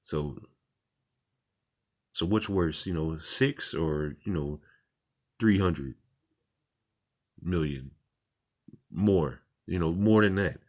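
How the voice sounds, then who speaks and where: A man's voice: low-pitched, very slow, pauses often. A man reading articles aloud and commenting on them in an informal, repetitive, plain-spoken way, as a religious commentator.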